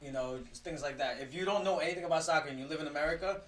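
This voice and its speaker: A man's voice: a little high, very fast, a bit bright. A man from Costa Rica co-hosting a laid-back podcast, explaining things plainly and leaning on "you know." He sits a little back from the microphone, so his voice comes across slightly distant. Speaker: podcast co-host. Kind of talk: casual podcast chat.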